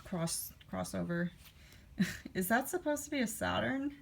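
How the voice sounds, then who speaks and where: A woman's voice: mid-range voice, lively intonation, a little slow, vocal fry. A woman vlogger rambling casually while flipping through her old comics, with dry offhand asides. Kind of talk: casual vlog chat.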